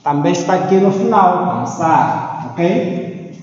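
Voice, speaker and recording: A man's voice: high-pitched, lively intonation, slow, darkish tone. Echoey distant male teacher. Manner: repeats key terms, checks in with "ok?". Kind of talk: classroom grammar lesson. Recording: roomy echo, distant, dull lo-fi, faint noise.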